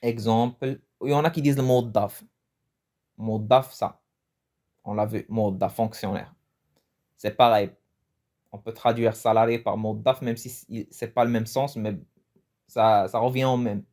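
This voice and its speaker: A man's voice: fairly low pitch, fairly even intonation, unhurried, pauses often, mellow. A man from Morocco giving a casual, chatty language lesson, often restarting his phrases and laughing at his own jokes. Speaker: language teacher.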